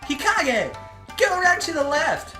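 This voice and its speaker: A man voicing a stern young woman warrior with a katana, shrill, indignant and scolding. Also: very animated, a little slow, exaggerated voice. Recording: echoey room with background music.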